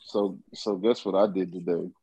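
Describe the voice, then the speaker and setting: A man's voice: deep voice, steady tone, normal speed, mellow, slightly rough, no echo, highs cut off. A man chatting casually with friends as a podcast co-host, slangy and profane. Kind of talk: casual chat among friends.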